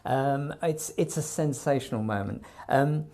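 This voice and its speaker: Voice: medium pitch, a little slow, dark tone. An interview host talking eagerly about a musical, with frequent ums. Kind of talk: casual interview chat.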